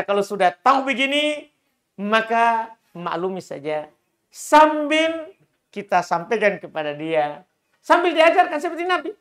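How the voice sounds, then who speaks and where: A man's voice: very high-pitched, fairly bright tone. Male preacher, emphatic repetition. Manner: repeats key phrases, voice rising sharply for emphasis. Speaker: Islamic preacher. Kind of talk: religious lecture with Q&A.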